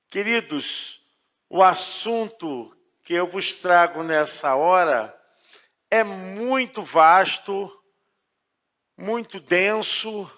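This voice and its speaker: High-voiced preaching man in a hall. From Brazil. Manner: starts hushed, then preaches with emphatic, drawn-out phrases. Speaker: pastor. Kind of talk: sermon. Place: church sanctuary.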